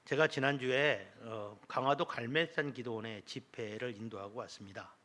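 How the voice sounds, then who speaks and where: A man's voice: medium pitch, normal speed, bright, forceful tone. A middle-aged man preaching a Sunday sermon as pastor, telling a story and acting out its dialogue. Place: church sanctuary.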